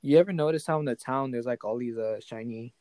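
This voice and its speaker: A man's voice: medium pitch, quick pace, dark tone, no room sound. A man improvising a fantasy story as game master. He talks casually and keeps checking in with the player.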